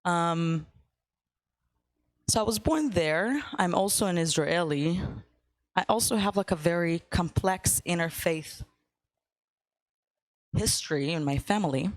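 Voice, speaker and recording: A woman's voice: lowish voice, expressive, a little slow, long pauses, dry recording. A young woman from Ukraine, giving a casual guest talk to a church class with lots of fillers and upbeat asides. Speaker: guest speaker.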